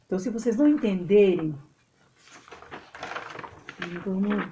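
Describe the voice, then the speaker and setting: A Brazilian woman teaching a literature lesson to a camera, explaining step by step in an animated way and often checking that her students follow. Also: medium pitch, measured pace, lo-fi sound, a little hiss or hum. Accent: Brazilian Portuguese. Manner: animated and explanatory, checks understanding with tag questions. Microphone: camera mic.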